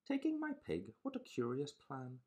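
A woman voicing a fussy, frantic little old lady who exclaims in a high, breathy voice. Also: huge pitch swings, normal speed, a little mellow, exaggerated voice. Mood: frantic pleading.

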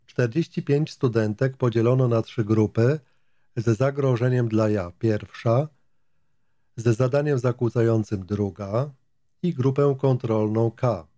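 A man reading a nonfiction psychology text aloud in a steady, measured way. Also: medium pitch, dry recording. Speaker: audiobook reader.

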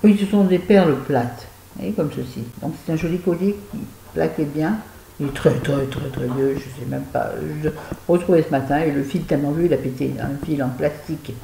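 A woman's voice: deep voice, a little fast, creaky, warm tone. A woman chatting casually to her viewers as she reviews used-up beauty products, with wry, self-mocking asides. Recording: roomy echo, faint background noise.

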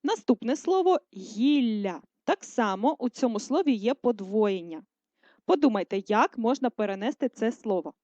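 A female primary school teacher giving a recorded writing lesson, dictating words slowly and clearly for first graders. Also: on the high side, expressive, mellow, no room sound. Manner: slow, clear dictation, syllable by syllable. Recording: dry, dull lo-fi voice recording.

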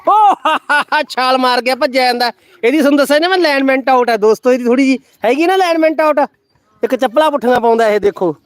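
High-voiced woman urging children on. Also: quick pace. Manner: lively, teasing, calls out repeated commands to children. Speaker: live-stream host. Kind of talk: casual live-stream commentary. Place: outdoors at a village Holi celebration.

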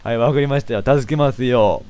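An excitable man with a doing let's play commentary as a game streamer. He stammers and talks to himself, with a middle-pitched voice. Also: fairly quick, no room sound.

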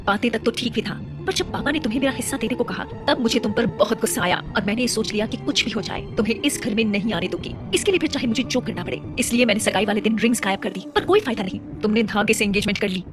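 A bitter, jealous young royal woman snapping back in defensive outbursts, played by a woman narrator. Her voice runs high and fast over faint music. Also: lightly acted. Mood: resentful.

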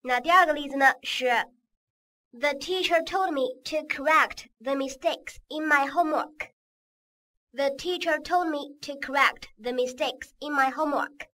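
A woman teaching an English vocabulary lesson in a high, bright voice. She repeats each word and spells it out letter by letter, patient and coaxing with her students. Her tone stays lively and clear throughout. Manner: patient, spells words out slowly.

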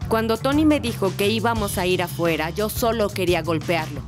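A woman's voice: mid-range voice, brisk, over music, natural voice. A woman dubbing an exasperated wife in her forties on a reality show, weary and complaining, in Spanish-dub style. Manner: weary, fed-up complaining that builds to an angry confrontation. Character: exasperated wife, tired of a stingy husband.

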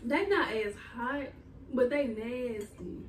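A young American woman with a fairly high voice talks in a blunt, informal way, full of slang. She is vlogging casually in a small room, with the camera some distance away and the sound echoing. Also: animated, slow pace. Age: young adult. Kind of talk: casual chat, food tasting vlog. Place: small bedroom, seated at table. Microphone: camera a few feet away. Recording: roomy, distant mic, faint noise.

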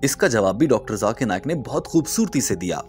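Man, scripted voice-over narrator, measured explanatory delivery, faint music underneath. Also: medium pitch, big pitch swings. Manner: measured, explanatory, rhetorical questions.

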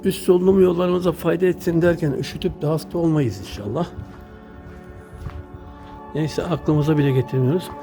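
A man's voice: fairly high pitch, moderate pace, long pauses. A man from Turkey narrating a casual walking tour as a travel vlogger, addressing his viewers as friends. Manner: addresses viewers as friends while describing surroundings. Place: inside an underground salt cave. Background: music.

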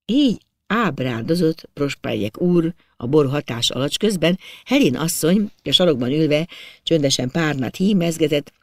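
A man reading a novel aloud as an audiobook narrator, in steady storytelling narration. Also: fairly high pitch, no room sound, studio quality. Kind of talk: scripted literary narration.

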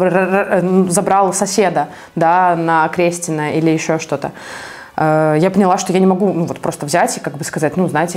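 The speaker is a Belarusian activist being interviewed, a woman whose deep, slightly mellow voice carries her conversational answers. She hesitates a bit here and there while she thinks aloud.

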